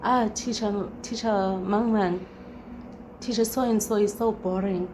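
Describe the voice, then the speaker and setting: With a measured pace and fairly even intonation, this mid-range female voice belongs to a South African guest, once a teacher, who speaks Xhosa as her first language. She reflects in casual conversation and keeps returning to her key phrases, over clear background noise.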